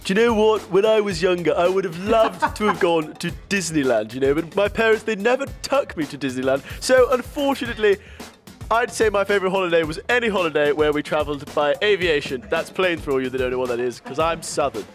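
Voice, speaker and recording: High-voiced deadpan man. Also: fast talker, faint music behind. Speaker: band member. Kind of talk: casual chat.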